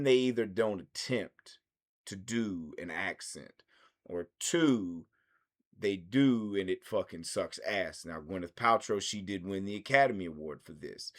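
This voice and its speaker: A man's voice: fairly low pitch, lively intonation, slow pace. A man reviewing films in a rambling, casual monologue, swearing constantly. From United States. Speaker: film reviewer.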